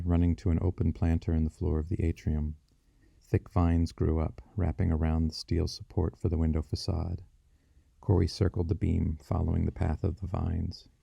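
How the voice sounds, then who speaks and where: A man narrating a fiction audiobook in a measured, descriptive storytelling manner. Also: deep voice, gravelly, warm tone, husky, dry recording.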